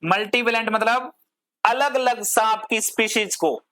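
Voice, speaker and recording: This pharmacy lecturer speaks at a measured pace in a slightly high, somewhat bright voice, blending Hindi and English. She quizzes her students only to supply the answers herself, stretching each lengthy technical term out word by word.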